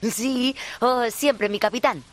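Pirate sidekick female performer: nervous servile man, raised squeaky pitch, stammering yes-sirs, radio play. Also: takes it slowly. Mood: nervous, obedient. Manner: stammering, fawning, high-pitched. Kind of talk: amateur radio re-enactment of a film scene.

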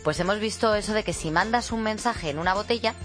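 A woman's voice: medium pitch, fast, over music. A woman with a Castilian Spanish accent chatting casually as a radio co-host.

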